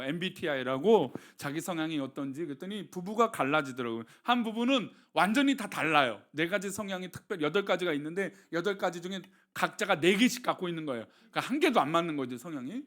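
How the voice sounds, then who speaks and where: A middle-aged man from Seoul, a senior pastor preaching a sermon and talking with his congregation. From Seoul, South Korea. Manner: animated preaching, asks the congregation questions, drops low for blessings.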